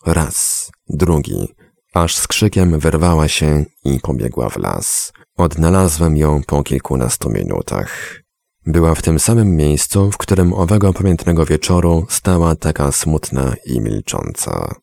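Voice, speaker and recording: A man narrating a story in a measured, somber audiobook reading. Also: very deep voice, big pitch swings, creaky, a little mellow, dry recording.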